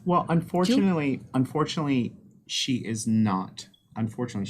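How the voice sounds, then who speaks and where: A man who teaches dance, joking about himself in a casual interview, playful and animated. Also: deep voice, noisy background. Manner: playful, self-mocking, animated. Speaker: dance instructor.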